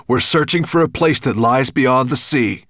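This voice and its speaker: A man's voice: fairly low pitch, a little slow, no echo, clean studio sound, lightly acted. A man voicing a brave, protective male dragon who speaks in firm, urgent calls.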